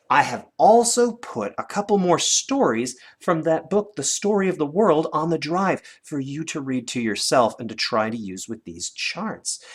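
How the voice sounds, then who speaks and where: Fairly high-pitched and slightly rough, a man with a North American accent teaches a lesson to kids. The overhead shot captures his hands-on desk demonstration indoors as he talks with them and guides them through questions.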